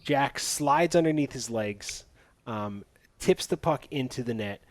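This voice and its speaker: A man's voice: mid-range voice, lively intonation, measured pace, dry recording. A man hosting a casual podcast, recapping a movie's plot with sarcastic asides. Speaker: podcast host. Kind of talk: casual movie review chat.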